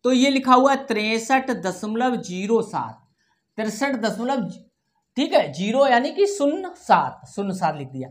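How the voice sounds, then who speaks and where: In a primary school maths lesson, a woman with a fairly high, sing-song voice speaks at a measured pace. She patiently repeats each number digit by digit and keeps checking that the children follow with "theek hai".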